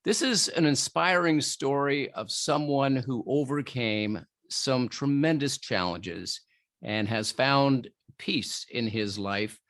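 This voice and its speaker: A man's voice: mid-range voice, takes it slowly, fairly bright tone, no room sound. A man hosting an interview podcast, talking in a friendly, earnest way with many restarts. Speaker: podcast host.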